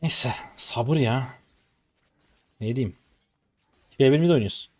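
A man's voice: medium pitch, takes it slowly. A man in his twenties from Turkey, streaming his gameplay live and commenting in frustrated mutters and sudden outbursts. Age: 20s. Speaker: game streamer.

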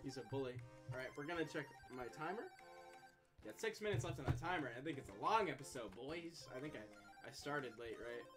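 A let's play streamer commenting on a game in an animated, joking, swearing way. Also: medium pitch, a little fast, over music. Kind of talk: gameplay commentary.

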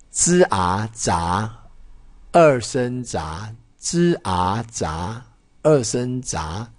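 A man teaching a children's Chinese lesson, drawing out syllables slowly when modelling pronunciation and mixing in English words. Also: mid-range voice, a little mellow, husky. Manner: switches between Mandarin and English words.

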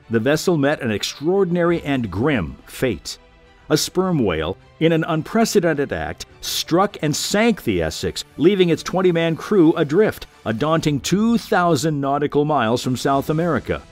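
A man narrates a nature documentary in a slightly high voice with lively, varied intonation. His delivery is measured and formal, like scripted storytelling, with music playing softly behind him. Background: background music.

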